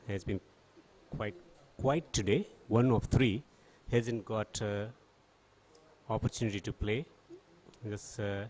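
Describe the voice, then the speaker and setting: A man's voice: lowish voice, slight background noise. A man giving live cricket commentary and analysis as a co-commentator.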